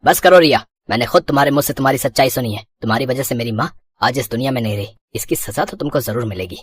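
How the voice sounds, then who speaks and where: A woman's voice: a bass voice, quick pace, husky, no echo, clean studio sound, voice pushed down. A woman voicing a stern, protective young adult son who scolds his wife in a storybook cartoon.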